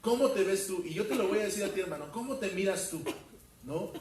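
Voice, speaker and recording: A pastor giving a verse-by-verse sermon, asking his congregation questions and filling pauses with hesitations. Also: high-pitched, animated, darkish tone, a little hiss or hum. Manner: questions the congregation, many fillers. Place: church hall. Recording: roomy hall from far off.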